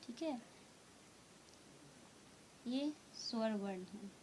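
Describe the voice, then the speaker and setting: A woman teaching a grammar lesson at a deliberate, unhurried pace, her voice sitting a little high. She repeats each point and keeps checking that students follow. A faint low rumble sits behind her. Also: lively intonation, darkish tone. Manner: slow, repetitive explaining with frequent "theek hai" check-ins. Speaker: Hindi teacher.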